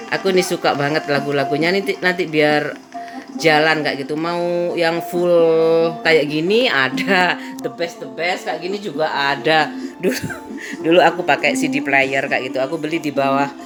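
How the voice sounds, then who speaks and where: Woman, casual vlog chat, lowish voice, faint music behind. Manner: chatty storytelling, frequent "kayak gitu" and laughter. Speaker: vlogger.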